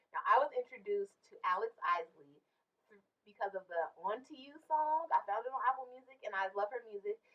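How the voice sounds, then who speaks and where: A woman's voice: mid-range voice, sharp tone. A woman podcast host running a casual segment and talking breezily and enthusiastically about her music picks. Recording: muffled, distant mic.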